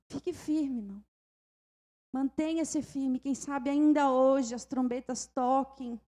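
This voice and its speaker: A woman pastor with a Brazilian Portuguese accent preaching a fervent sermon, moving from calm storytelling to loud exhortation and often calling out to the congregation. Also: sits high.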